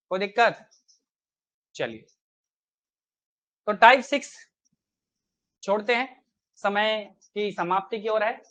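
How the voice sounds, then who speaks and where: A man's voice: sits high, a bit bright. A man teaching a live online maths class, chatty and coaxing, who keeps quizzing his students with rhetorical questions.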